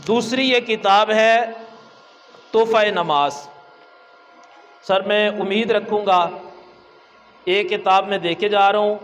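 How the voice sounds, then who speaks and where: A man's voice: sits high, a bit bright. A man with a Pakistani accent giving a school assembly talk, quizzing the children, coaxing them and calling them "son", then closing in prayer. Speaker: guest religious lecturer at a school. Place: outdoor school assembly in the sun. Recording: echoey PA sound, heard from far off.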